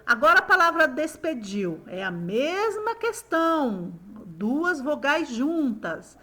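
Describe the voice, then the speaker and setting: A woman's voice: sits high, sing-song, slow pace, pushed and bright. A woman teaching young children, patiently sounding out words syllable by syllable in a recorded lesson. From Brazil. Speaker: primary school teacher.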